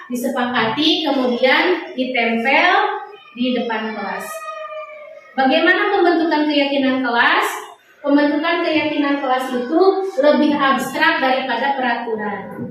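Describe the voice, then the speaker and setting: Seorang guru perempuan menjelaskan materi pelatihan kepada rekan-rekan, sambil memberi contoh kalimat kepada murid. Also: female voice, high voice, normal speed, dull audio, background noise. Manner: explains with quoted example phrases to pupils. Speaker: teacher presenting to colleagues. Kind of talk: explaining training material. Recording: echoey room from far off.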